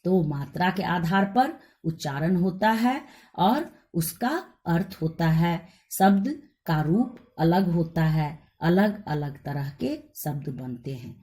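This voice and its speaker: A woman's voice: lowish voice, expressive, slow, dark tone. A woman teacher giving a Hindi grammar lesson, spelling out each letter and vowel sign one by one.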